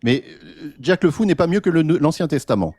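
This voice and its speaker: A man's voice: fairly high pitch, expressive, fairly quick, a little mellow, breathy edge, dry recording. A man debating live, speaking formally with many hesitations and restarts. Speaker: debate guest.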